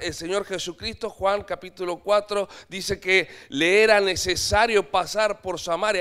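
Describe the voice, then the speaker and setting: A man preaching a church sermon, asking the congregation questions and swinging from loud to hushed. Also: sits high, clear, resonant tone. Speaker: missionary preacher.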